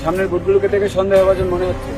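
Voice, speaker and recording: Fast marine radio report from a man. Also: sits high, completely flat delivery, music in the background. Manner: brisk, reporting to a superior. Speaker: patrol boat crewman reporting.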